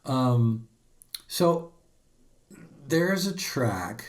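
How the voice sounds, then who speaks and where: A man's voice: medium pitch, sing-song, very slow. A man hosting a radio show, asking questions eagerly and filling gaps with lots of ums over a video call. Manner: enthusiastic, many fillers. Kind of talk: casual interview.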